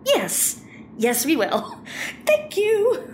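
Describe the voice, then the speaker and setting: A woman playing a brash, quick-thinking schemer who bosses her partner around in an audio drama. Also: very high voice, slight background noise, full character voice. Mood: excitable. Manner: brash, bossy, with bursts of nervous excitement.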